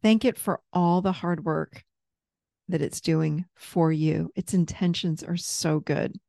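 A woman therapist gently guiding someone through a parts-work session with patient, step-by-step prompts. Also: low-pitched, fairly even intonation, slow pace, creaky, dry recording, clean studio sound.

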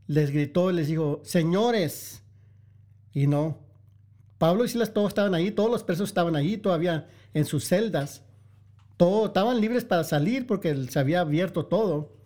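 A middle-aged male pastor preaches in a fairly high yet mellow, warm voice. He talks emphatically, circling back over his phrases and speaking straight to his brothers and sisters in the congregation. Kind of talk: sermon.

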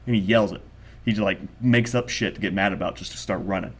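A man's voice: fairly low pitch, quick pace, husky. A man talking casually as a podcast co-host, telling stories in a loose, profane, rambling way and laughing often. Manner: excitable, rambling storyteller with frequent laughs. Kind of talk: casual chat.

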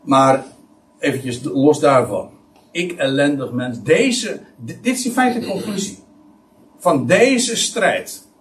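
A man's voice: a little high, slow, long pauses, slight background noise. A man preaching a Bible-teaching sermon, emphatic and full of restarts. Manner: animated, emphatic, many restarts. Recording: voice somewhat far from mic.

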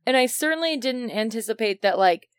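A woman's voice: on the high side, expressive, brisk, clean tone, dry recording, clean studio sound. A woman co-hosting a casual podcast chat about a film, rambling and trailing off as she thinks aloud. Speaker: podcast co-host.

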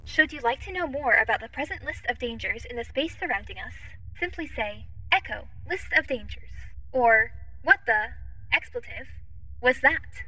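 Audio drama: too-smooth female android assistant played by a woman, high, bright and crisp, polite, literal and quietly curious. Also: normal speed, no room sound, low-quality recording. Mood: formal, informative. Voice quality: too smooth, even, formal android-like phrasing. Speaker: ship's AI assistant.

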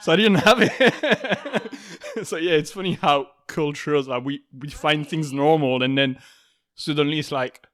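A man's voice: on the high side, measured pace, fairly bright tone. Host role: a laid-back man from France in casual chat, who curses when he acts out surprise. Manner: laid-back, swears when acting out his shock.

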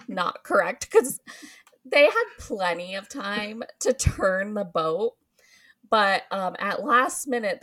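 A woman podcast host in casual chat, walking through a film's plot at an unhurried, slow pace. She giggles often and leans on um and like as she talks. Her pitch sits in the middle range. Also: fairly bright tone. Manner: giggly, frequent ums and likes. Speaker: podcast host recapping a film.

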